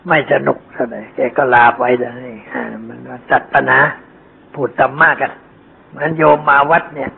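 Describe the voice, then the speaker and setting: Older monk preaching on a lo-fi recording. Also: male voice, medium pitch, gravelly, husky. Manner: plain, homely, unhurried teaching with folksy asides. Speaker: Buddhist monk giving a dhamma talk. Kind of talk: dhamma sermon. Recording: old phone-like lo-fi recording with faint hiss.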